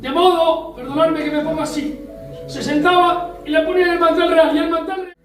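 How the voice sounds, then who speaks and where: A high-pitched man with a Spain Spanish accent preaches a sermon, telling a story and voicing its characters. He sounds set back from the microphone in a very echoey church, with music playing behind him. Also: flat delivery, a little fast. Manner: storytelling, acts out scenes with voices. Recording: echoey church hall, mic at a distance.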